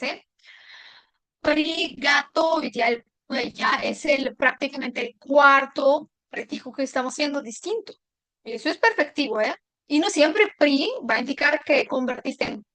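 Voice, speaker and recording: A woman teaching a language lesson, patient, repeating words slowly and clearly. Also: high-pitched, a bit bright, no echo, poor audio.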